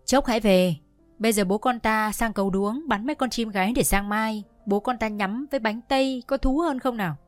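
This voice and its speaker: Một người phụ nữ đọc lời một người cha giàu có, nghiêm nhưng thương con, giọng chắc chắn. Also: female voice, on the high side, a little fast, dry recording, soft background music, close to an everyday voice. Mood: firm. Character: wealthy father, stern but indulgent.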